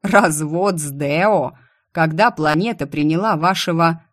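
A playful male alien who teases everyone, read by a woman. His lines come out in a lowish, dry voice, loud at times. The teasing never fades from his tone. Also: unhurried, no echo. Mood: amused.

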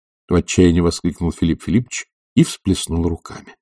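A man reading a story aloud as an audiobook narrator, in a measured storytelling way. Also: low-pitched, mellow, no room sound, studio quality. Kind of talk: scripted narration.

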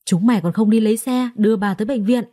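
A woman voicing an urgent young son who shouts at the servants in a storybook reading. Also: mid-range voice, fast talker, close to an everyday voice. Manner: shouted orders.

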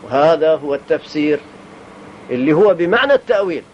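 Emphatic high-voiced sheikh on old tape. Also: male voice, sing-song, fast. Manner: emphatic, fires rhetorical questions and answers them. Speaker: religious teacher. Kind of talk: Quranic commentary lesson. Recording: dull lo-fi archival tape with faint hiss.

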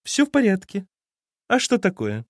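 A man's voice: huge pitch swings, normal speed, no room sound, studio quality. A man voicing a nervous young pregnant woman who keeps crying out in desperation in an audiobook. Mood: shrill. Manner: shrill, cries out in desperation.

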